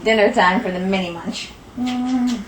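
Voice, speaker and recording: A woman's voice: a little high, moderate pace, fairly bright tone, far from the mic, a little hiss or hum. A mother talking in sweet sing-song baby talk at home. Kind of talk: casual home video chat. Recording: echoey room.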